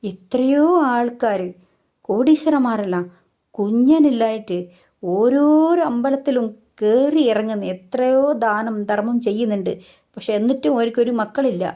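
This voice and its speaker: A woman's voice: on the high side, moderate pace, dark tone, natural voice. A woman voicing a grieving mother who bitterly reproaches her own mother in a raised, pleading voice.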